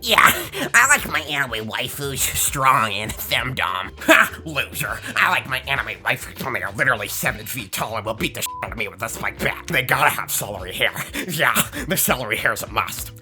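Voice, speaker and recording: A woman's voice: very deep voice, very animated, normal speed, hardly any pauses, pushed and bright, soft background music. A woman bantering in a casual, teasing, brash way.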